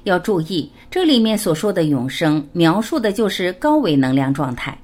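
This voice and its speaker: A woman's voice: lowish voice, sing-song, normal speed, darkish tone. A woman reading a written interview aloud, voicing both sides and announcing each speaker's label.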